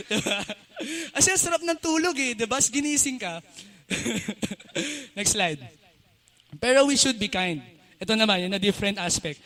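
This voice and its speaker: A young Filipino man with a high voice gives a youth message at a church service. He talks in a loose, chatty way, laughs often, and slips between Tagalog and English as he preaches. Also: expressive, measured pace, bright, forceful tone. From Philippines. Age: young adult. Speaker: youth speaker. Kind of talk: casual youth sermon.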